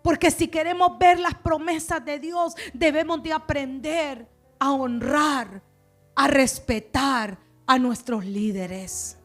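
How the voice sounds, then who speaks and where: A woman's voice: high-pitched, fairly even intonation, takes it slowly, faint music behind. A woman pastor preaching a sermon in a conversational, coaxing way, often checking in with her listeners. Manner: conversational, coaxing, frequent "verdad" and "amados".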